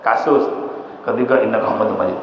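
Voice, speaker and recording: A man's voice: lowish voice, quick pace, slight background noise. A male preacher with an East Javanese Indonesian accent, giving a mosque lecture, drilling recitations and quizzing his listeners. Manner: repeats and drills recitations, asks the audience questions. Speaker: Islamic preacher teaching a kitab study. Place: large mosque hall. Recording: echoey hall, dull lo-fi sound.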